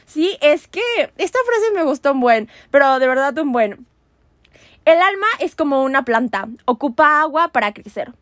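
A woman's voice: sits high, expressive, normal speed, fairly bright tone, no room sound, clean studio sound. A young woman, hosting a casual chat in an earnest, rambling, self-mocking way. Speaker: podcast host.

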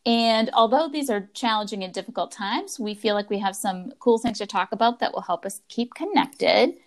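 Woman, podcast co-host, friendly and relaxed, mid pitch. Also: normal speed. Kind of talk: casual chat.

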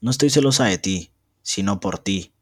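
A young man reading aloud as a proud young lady of the house who gives sharp commands. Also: lowish voice, lively intonation, normal speed, slightly rough. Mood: commanding. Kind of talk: amateur reading of a novel.

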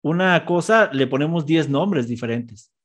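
A man's voice: fairly high pitch, lively intonation, a little slow. A man, a schoolteacher hosting a live stream, chatting casually and reading out viewers' greetings. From Mexico. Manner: friendly, reads out viewer greetings. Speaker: teacher at a school.

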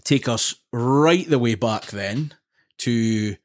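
A man's voice: mid-range voice, slow, a little mellow, no echo, clean studio sound. A man hosting a podcast, asking questions casually and teasing his guest. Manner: joking, teasing. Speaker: podcast host. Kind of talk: casual chat.

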